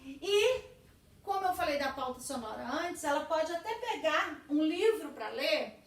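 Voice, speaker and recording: Her high voice is animated and a little slow as this woman teacher lectures on literacy stages, patiently explaining and frequently checking in with listeners through tag questions. The recording is echoey, with her set back from the mic.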